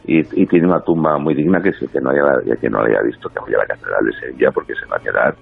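Man, very deep voice, gravelly and husky, rambling guest, tinny phone line. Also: fairly even intonation, quick pace. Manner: rambling, many hesitations and tag questions. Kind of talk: radio phone interview.

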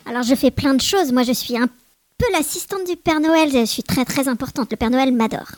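A woman's voice: sits high, normal speed, no echo, lightly acted. A woman voicing a self-important, scatterbrained little female Christmas elf, chattering in a childlike, hesitant way for a children's podcast. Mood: proud.

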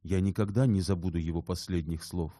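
A man's voice: low voice, fairly even intonation, brisk, warm tone, dry recording, clean studio sound, lightly acted. A man voicing a shy, earnest young male scholar in an audiobook, speaking mildly and carefully. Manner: mild, careful, a little bashful. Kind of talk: audiobook character reading.

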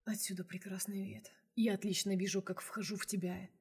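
A woman voicing a confident male boss and lover, speaking in a husky, hushed whisper in an audiobook. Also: medium pitch, steady tone, normal speed. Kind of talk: audiobook role reading.

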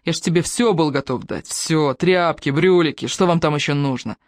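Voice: medium pitch, moderate pace, no echo, clean studio sound, lightly acted. A reader voicing a furious, possessive man who talks coarsely, threatens and swears, in an audiobook. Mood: raging.

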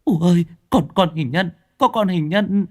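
A man's voice: high-pitched, normal speed, a little mellow, voice pushed up, close to an everyday voice. A man voicing a terrified young girl crying out for her mother in a ghost story. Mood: frightened.

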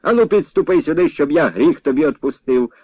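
A man voicing a pompous, playful older village priest who speaks in slow, solemn churchly phrases, on a dull, dry old radio recording. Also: fairly high pitch, animated, breathy edge, no room sound. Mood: mock solemn.

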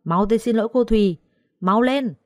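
A woman voicing a harsh middle-aged mistress who shouts and scolds her servant girl. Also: on the high side, brisk, no room sound, studio quality, voice pushed up, lightly acted. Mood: furious scolding.

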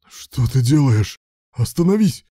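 A pleading adult man in a spoken story, his lines full of strained outbursts, as a male narrator reads him. The voice sits low, with a dark, mellow tone and a dry, close sound. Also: steady tone, fairly quick, breathy edge, dry recording.

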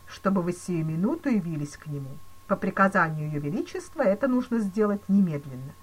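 A woman's voice: lowish voice, lively intonation, brisk, slightly rough. A woman voicing a male police chief who delivers dire news in a grave, regretful manner in a storybook reading. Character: solemn, mock-sympathetic male police chief.

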